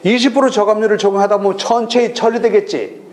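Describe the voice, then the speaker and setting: A middle-aged man giving a recorded lecture on real estate auctions, lively and full of rhetorical questions. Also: high-pitched, fast. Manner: lively, rhetorical questions, acts out regional voices.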